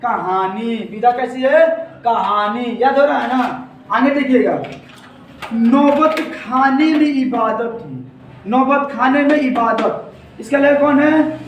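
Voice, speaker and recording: A male teacher, giving a classroom lesson in call-and-response style, repeating key words slowly. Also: extremely high pitch, dull audio. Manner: asks and answers his own questions, repeats key words slowly. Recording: very echoey room, distant from the mic, faint noise.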